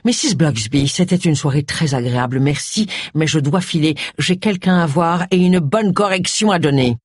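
A reader voicing a gentlemanly manor owner who speaks briskly and firmly. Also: male voice, a little high, expressive, no room sound, clean studio sound.

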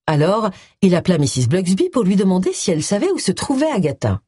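An audiobook reader doing scripted narration with an expressive, lively delivery. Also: medium pitch, fairly quick, slightly rough, no room sound, studio quality.

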